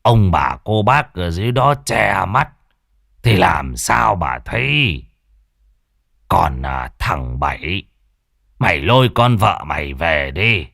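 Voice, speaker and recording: A man voicing a stern elderly village elder who barks gruff orders in a hoarse, husky voice. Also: low voice, expressive, slow, a bit bright, no echo, clean studio sound, exaggerated voice.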